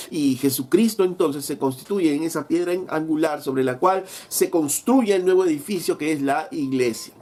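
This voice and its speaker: A man's voice: fairly high pitch, dark tone. A man preaching a sermon, telling a story with rhetorical questions and acting out biblical dialogue. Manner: acts out biblical dialogue in quoted voices.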